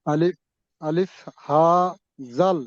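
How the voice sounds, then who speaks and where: An adult male student reads letters aloud slowly and hesitantly, pausing between each one. His voice sits a little high. The video call audio is dull and lo-fi. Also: steady tone, no echo. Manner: slow, hesitant letter-by-letter reading.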